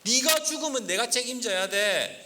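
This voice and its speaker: A male pastor voicing a gruff male prison inmate who talks bluntly and pushes his point. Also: very high-pitched, lively intonation, moderate pace, bright, forceful tone, long reverb tail, voice pushed up, exaggerated voice. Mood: insistent. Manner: blunt, pushy.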